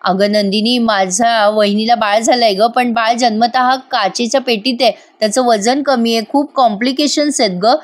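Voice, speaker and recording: A distraught woman from a TV soap, pleading and tearful, as a woman reading the story puts her on. The voice sits high and rises further when she gets indignant. She is frightened for someone she loves. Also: fairly even intonation, normal speed, hardly any pauses, lightly acted. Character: distressed woman caller, frightened sister-in-law.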